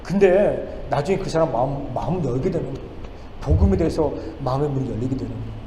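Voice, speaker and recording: Emphatic middle-aged pastor in echoey hall. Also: male voice, a little high, expressive, fast. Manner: emphatic preaching, swings between loud pleas and hushed storytelling. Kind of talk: sermon. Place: church sanctuary. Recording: echoey church hall with faint noise.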